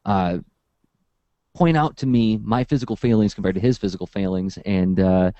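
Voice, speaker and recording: A comics workshop instructor talks casually and at length, his voice on the low side and his pace moderate. He's lively and talkative, acting out quotes as he tells his stories, and the audio sounds dull.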